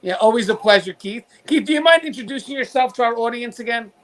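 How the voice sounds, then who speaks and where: A talk show host with a very high, expressive, fairly bright voice talks fast as he presents his interview show. Upbeat throughout, he handles a sponsor read and puts questions to his guests.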